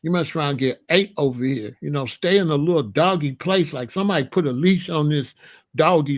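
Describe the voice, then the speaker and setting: Speaking in a somewhat high, gravelly voice, this man runs a commentary channel and talks through a casual monologue with blunt, confrontational directness. His slangy speech circles back on itself, and he keeps checking whether you follow him with "you know what I'm saying."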